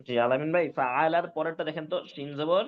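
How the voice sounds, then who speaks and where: A male Quran reading teacher leads an online class, his voice slightly high for a man. He spells out each syllable patiently and repeats words again and again for his students. The call audio is dull and lo-fi. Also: steady tone, fast talker. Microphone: online class call mic.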